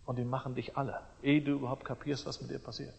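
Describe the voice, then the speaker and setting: A man preaching a sermon emphatically, swinging between loud declarations and quiet, pointed asides. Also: mid-range voice, little pitch movement, fast, gravelly, husky, long reverb tail.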